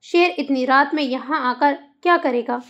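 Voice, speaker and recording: A woman voicing an older mother figure who calms and gently admonishes. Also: sits high, normal speed, lo-fi sound. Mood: soothing. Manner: calming, admonishing.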